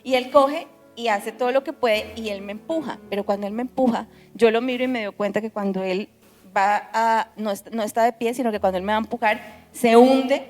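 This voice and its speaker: Woman telling a story in an echoey hall. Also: on the high side. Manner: animated storytelling, frequent restarts. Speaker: pastor. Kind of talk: testimony at a church service.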